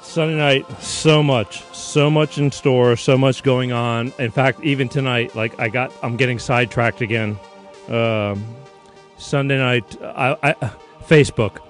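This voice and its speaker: Hosting a live-streamed talk show, a man from Connecticut, USA speaks a little slowly in a mid-range voice with fairly even intonation. Soft background music plays as he rambles digressively, restarting often and swearing casually.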